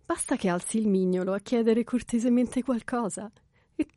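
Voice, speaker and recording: A reserved young governess speaking in a raised, measured voice with a dry, slightly ironic edge, done by a man reading an audiobook. The sound is close and dry, with a dark tone. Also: high voice, no echo, pitched above the performer's own voice, lightly acted. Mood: cool, ironic. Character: young composed English governess, cool and reserved. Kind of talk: audiobook character voice.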